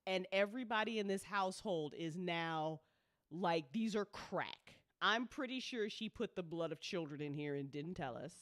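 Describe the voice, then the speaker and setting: A woman with a lowish, somewhat bright voice talks at normal speed while hosting a live audio drama listening party as its co-founder, writer, and director. Her casual stream banter is playful, informal, and freely profane, with clean studio sound and no room ambience.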